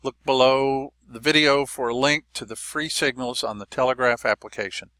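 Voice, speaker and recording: A man teaching trading in a relaxed, folksy way, with frequent fillers and small asides. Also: mid-range voice, moderate pace, dry recording. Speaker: trading educator. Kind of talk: explanatory market lesson.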